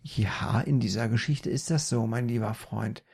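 A sly, smug woman investigator speaks in a slightly lifted, knowing voice, acted out by a male storyteller. Her delivery is unhurried and self-satisfied, with a gravelly roughness running through it. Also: medium pitch, a little mellow. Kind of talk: comic storytelling.

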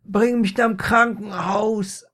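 A man voicing a dim-witted, whiny grown man in a comic spoken story, raising his voice high and loud. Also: moderate pace, gravelly. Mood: wailing.

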